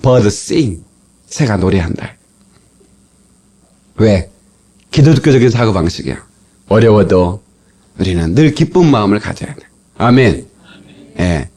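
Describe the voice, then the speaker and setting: Animated Korean pastor on old tape. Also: male voice, fairly low pitch, slow pace, pauses often, breathy edge. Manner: animated storytelling with shouted exclamations. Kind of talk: sermon. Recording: old cassette tape sermon recording.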